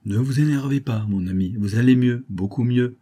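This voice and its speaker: A man reading an audiobook, voicing a scheming female adventuress who speaks with false gentleness and coaxing persuasion. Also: mid-range voice, moderate pace, husky, pitched above the performer's own voice, lightly acted.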